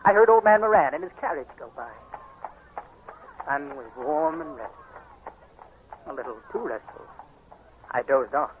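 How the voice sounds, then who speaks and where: On a tinny, noisy 1940s radio recording, an actor plays an earnest, anxious blind young man, narrating tensely with dramatic, intense, emotionally urgent delivery. His natural voice is fairly high, moving at a moderate pace and pausing often.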